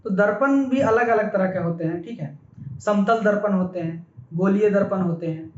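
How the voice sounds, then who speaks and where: A man's voice: high voice, moderate pace, darkish tone. A man teaching a physics lesson in speech, explaining step by step and often checking in with the class. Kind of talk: classroom lecture. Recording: echoey, dull, faint background noise.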